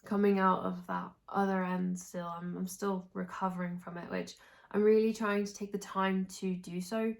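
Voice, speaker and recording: This knitting podcast host, a young Englishwoman, talks casually to camera with a nasal, hoarse voice left over from a recent illness. Her mid-range pitch barely moves, her speed is normal, and she meanders and restarts often.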